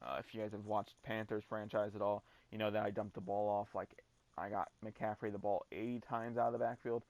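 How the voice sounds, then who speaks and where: Laid-back, low-voiced gaming host. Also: male voice, level tone, a little fast, a little mellow, dry recording. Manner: laid-back, swears casually. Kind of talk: casual gameplay commentary.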